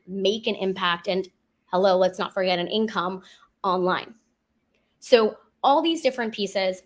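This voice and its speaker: Woman marketing coach on a video call, upbeat, firing off rhetorical questions. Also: medium pitch. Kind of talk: live webinar teaching.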